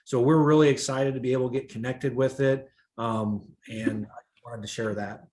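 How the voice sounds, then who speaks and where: A man's voice: mid-range voice, steady tone, a little mellow. Man on a video call, uneven volume. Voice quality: halting, many "uh" fillers. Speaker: school administrator giving a report. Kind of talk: board meeting report.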